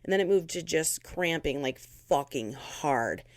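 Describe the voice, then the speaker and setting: A woman's voice: sits low, lively intonation, unhurried, dry recording. An American woman hosting her own podcast from her bedroom, venting bluntly and swearing freely in a casual monologue. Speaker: podcast host.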